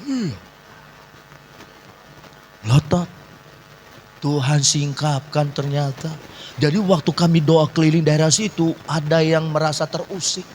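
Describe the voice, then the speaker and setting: A man preaching a sermon at a church service. He moves between quiet asides and shouted climaxes, slips in English phrases and keeps asking the congregation to agree. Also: a little high, measured pace, long pauses, slight background noise. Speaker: pastor.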